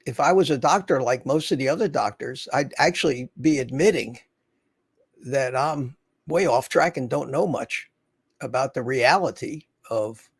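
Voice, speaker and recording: At home in Florida, a livestream host in his seventies chats casually with his audience, rambling folksily and reading their comments out loud as he answers. His voice is a little high and slightly rough, with clean, echo-free studio sound.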